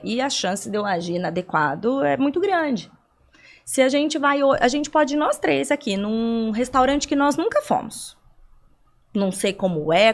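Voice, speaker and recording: A young woman from Brazil talks as a guest in a podcast interview, her voice sitting on the higher side. She explains at length and keeps her listeners involved with rhetorical questions and everyday examples.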